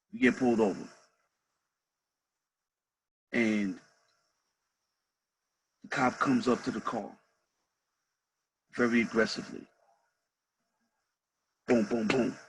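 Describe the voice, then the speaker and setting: A man's voice: fairly low pitch, a little hiss or hum, poor audio. A man, a head coach, telling a story casually and animatedly, repeating phrases for emphasis.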